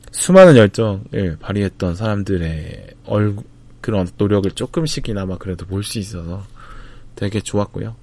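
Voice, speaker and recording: A man, talking to camera about a film festival trip in a reflective, casual way, with frequent pauses, fillers and restarts. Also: on the low side, dry recording. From Busan, South Korea. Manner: thoughtful, hesitant, many fillers and restarts.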